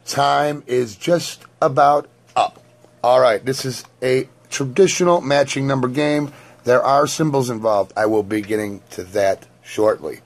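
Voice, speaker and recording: A man hosting his own lottery ticket vlog from his home, hoarse from having lost his voice, talking in a crude, jokey, wordy showman manner. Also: medium pitch, fairly even intonation, a little slow. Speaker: host.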